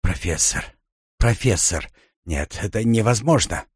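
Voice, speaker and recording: A man's voice: medium pitch, expressive, a little slow, a little mellow, dry recording, clean studio sound. A man voicing a frightened amnesiac young woman. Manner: anxious, questioning, insistent.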